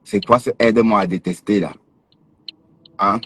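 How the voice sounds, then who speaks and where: A man's voice: on the low side, fairly even intonation, normal speed, a bit bright, a little hiss or hum. A man hosting a casual livestream, addressing a rival directly in a mocking, confrontational way. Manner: mocking, confrontational, teasing laughs. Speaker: livestream host.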